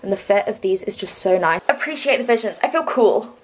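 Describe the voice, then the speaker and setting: A woman's voice: mid-range voice, expressive, a little fast, a little hiss or hum, low-quality recording. A hungover woman in her early twenties chatting casually to camera in a scatty, playful, gushing way with lots of slang. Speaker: vlogger.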